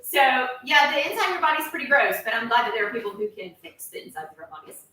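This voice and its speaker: A woman teaching a class of children, playful and coaxing as she leads warm-ups. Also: fairly high pitch, lively intonation, fast. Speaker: music teacher. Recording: echoey classroom from far off.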